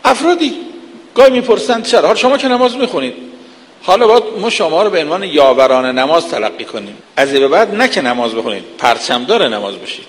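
A man's voice: fairly high pitch, very animated. A man giving an earnest sermon, lecturing with vivid everyday examples. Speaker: preacher. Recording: long hall reverb.

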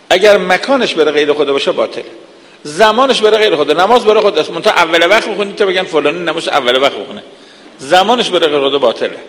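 A man's voice: fairly high pitch, fairly bright tone. A man giving an earnest sermon, lecturing with vivid everyday examples. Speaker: preacher. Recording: long hall reverb.

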